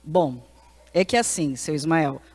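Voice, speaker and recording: A woman's voice: low-pitched, a little slow, a little mellow, slightly rough. A woman pastor with a Brazilian accent teaching an informal church class, talking frankly and conversationally, often asking "né?" and restarting her sentences. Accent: Brazilian Portuguese. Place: church hall with a live audience. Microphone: handheld microphone. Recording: long church-hall reverb.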